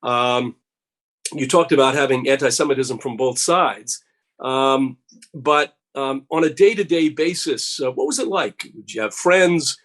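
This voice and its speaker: A man hosting an interview, asking measured, polite questions with a few fillers. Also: medium pitch, fairly bright tone. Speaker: interviewer and host. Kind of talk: conversational interview.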